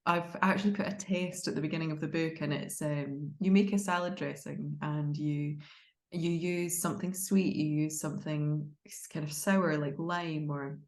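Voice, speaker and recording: Low-voiced Glaswegian woman, roomy sound. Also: normal speed. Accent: Glaswegian Scottish. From Glasgow, Scotland. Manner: enthusiastic, expressive, chatty. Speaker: chef, interview guest. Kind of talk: casual conversational interview.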